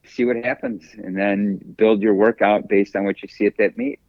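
A man with a low voice, a track coach, recounts his stories in a laid-back, hesitant way. The sound is dull, lo-fi and dry. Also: fairly even intonation, normal speed, no echo. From United States. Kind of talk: casual interview.

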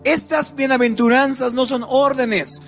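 High-voiced man preaching a sermon. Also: fairly even intonation, measured pace, a bit bright. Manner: sing-song preaching cadence with frequent repeated words. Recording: faint music behind.

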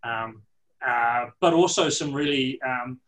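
A man's voice: mid-range voice, slow pace, fairly bright tone, low-quality recording. A man with a New Zealand accent telling his story as an interview guest, with wry, self-deprecating humour. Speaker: interview guest, water science professor.

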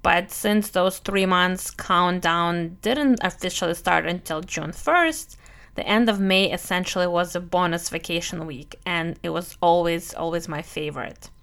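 With a lowish, creaky, slightly bright voice, this woman talks a little slowly as she hosts her solo travel podcast, which is scripted yet conversational. In her thirties, she plans family travel and moved from Europe to the US in her youth, so her Russian accent is blended with Brooklyn.

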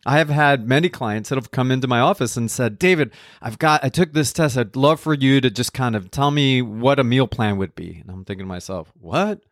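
This podcast features a middle-aged Colombian nutrition counselor speaking conversationally, wryly and with light jokes. He has a medium pitch and talks briskly with hardly any pauses, in a clean studio recording free of room sound.

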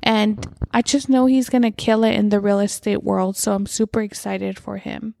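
Chatty woman with a gravelly voice. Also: medium pitch, flat delivery, moderate pace, warm tone, slight background noise. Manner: chatty, rambling, frequent "like". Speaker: podcast host. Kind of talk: casual chat. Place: inside her house at night.

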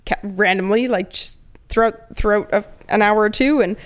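A young woman co-hosting a podcast, chatting casually and telling animated stories with plenty of swearing. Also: medium pitch, normal speed. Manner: swears freely, animated storytelling. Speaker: podcast co-host. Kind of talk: casual chat.

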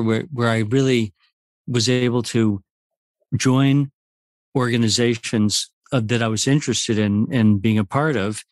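A man in his sixties from Puerto Rico, an architect telling his story as an interview guest in a relaxed, rambling way. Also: lowish voice, no room sound. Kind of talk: casual interview.

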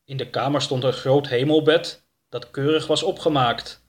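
A man narrating a children's audiobook in a steady, clear reading voice. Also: medium pitch, unhurried. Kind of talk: scripted narration of a children's book.

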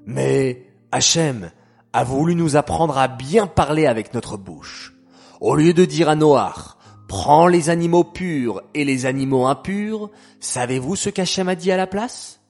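A man voicing a gentle, patient father who teaches his children in a storybook tale. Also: fairly high pitch, faint music behind. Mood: teaching. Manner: calm, measured, gently instructive.

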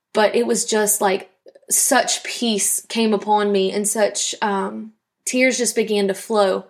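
A young woman from South Louisiana telling her personal faith testimony on a podcast in an earnest, reflective way. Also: mid-range voice. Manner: earnest, reflective storytelling with quoted dialogue. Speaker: podcast host.

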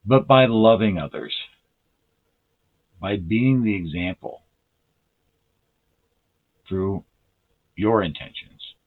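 A man with a very low, husky voice delivers an earnest sermon. He speaks in a measured way and slows down to lean on key words. The audio is thin and tinny, like it came over a phone line. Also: expressive. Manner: earnest, measured, with slow deliberate emphasis; self-described dry sense of humor. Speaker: lay preacher.

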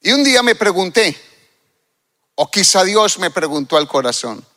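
A man's voice: high voice, very animated, moderate pace, pushed and bright. A middle-aged male pastor from Colombia, preaching a sermon and reading scripture aloud with dramatic emphasis while asking his congregation questions. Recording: long hall reverb.

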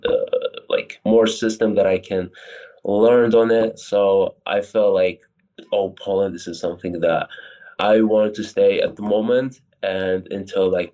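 Male coach guest from Iraq, very low warm voice, earnest and meandering. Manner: earnest, rambling, non-native phrasing. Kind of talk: casual chat.

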